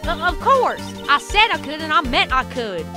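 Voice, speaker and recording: A woman's voice: sits high, big pitch swings, normal speed. A woman voicing a brash southern female photographer on the witness stand, blunt and defensive. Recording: game music playing behind.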